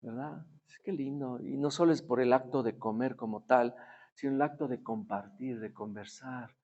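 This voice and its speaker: A man's voice: mid-range voice, moderate pace, a little mellow. Man preaching a conversational sermon, lo-fi. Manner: conversational, often asks the listeners to agree; acts out quoted voices in his story. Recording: dull lo-fi recording.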